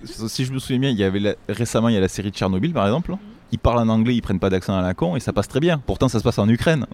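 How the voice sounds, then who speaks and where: Low-voiced guy hosting a movie review show, worked up and rambling. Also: expressive, very fast, darkish tone. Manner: indignant, rambling with restarts. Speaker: film review show host. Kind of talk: casual chat.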